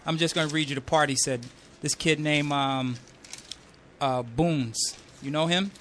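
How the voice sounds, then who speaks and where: A man's voice: fairly high pitch, steady tone, a little slow, fairly bright tone, a little hiss or hum. A man hosting a radio call-in show, chatting loosely, teasing the caller and reading out listener messages. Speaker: radio host.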